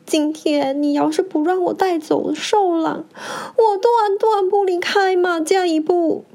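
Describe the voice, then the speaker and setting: Woman reader doing a young concubine, shrill, pleading and weepy, storybook tale. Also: expressive, normal speed, darkish tone. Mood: tearful pleading. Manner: tearful, pleading, high-pitched. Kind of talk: storybook reading.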